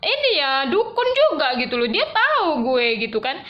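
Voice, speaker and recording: A woman vlogger tells a personal story to camera in a casual way, using slangy, animated speech with quick emotional swings. Her voice is high-pitched, and the audio sounds dull.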